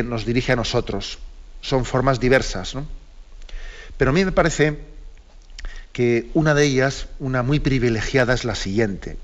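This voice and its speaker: A priest answers listeners' questions in a measured, steady voice, tagging his thoughts with little checking questions. His pitch sits mid-range for a man. The sound is slightly dull, as on a radio broadcast. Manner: measured, ends phrases with tag questions. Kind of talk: radio call-in spiritual advice.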